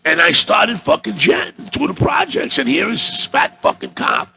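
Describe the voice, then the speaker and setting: A man's voice: sits high, big pitch swings, moderate pace, gravelly, bright, forceful tone. A middle-aged man with a New York accent, a comedian telling a profane, rambling story with stammers in a cafe interview. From Astoria, Queens, New York. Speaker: comedian guest.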